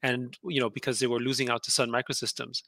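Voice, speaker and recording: Speaking quickly and forcefully, this medium-pitched man has a bright voice with little pitch movement and no room sound. He's a middle-aged guest entrepreneur who grew up in Austria speaking German first, chatting over a video-call headset and rambling, restarting often and saying "you know" a lot.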